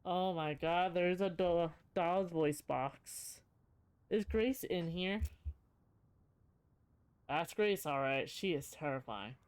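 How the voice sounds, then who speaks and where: A game streamer with a middling pitch talks through a playthrough. The delivery is casual and hesitant, thinking aloud between bits of on-screen text read out. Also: takes it slowly, pauses often, smooth.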